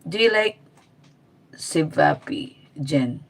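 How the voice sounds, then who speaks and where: A woman's voice: low-pitched, expressive, extremely slow, creaky. A woman from the Philippines hosting a casual livestream, chatty and sassy as she mixes Tagalog and English. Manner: sassy and teasing. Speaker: livestream host. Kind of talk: casual live-stream chat.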